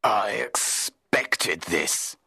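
A man voicing a wretched, menacing man-made monster in a dramatised audiobook, pleading slowly in a rasping, bitter voice. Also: fairly low pitch, expressive, sharp tone, no echo, clean studio sound, heavily acted. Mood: anguished, bitter. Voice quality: gravelly, rasping. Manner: slow, heavy, emotional pleading.

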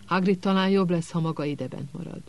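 Egy férfi által játszott idős bizottsági tag, vékony, remegő hanggal, egy hangoskönyvből. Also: male voice, high voice, gravelly. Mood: nervous. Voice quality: thin, quavering. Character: old trembling male committee member.

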